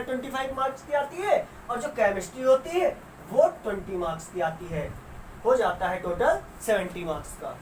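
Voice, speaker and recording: A woman teaches a school science class, posing questions to her students, answering them herself, and drawing out key words. Her voice is on the high side, recorded far from the mic with a roomy sound and faint noise.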